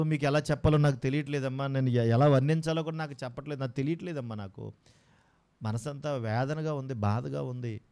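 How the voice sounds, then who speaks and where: A male preacher delivering an impassioned sermon. His voice sits a little higher than most men's, and he keeps pressing his listeners with rhetorical questions.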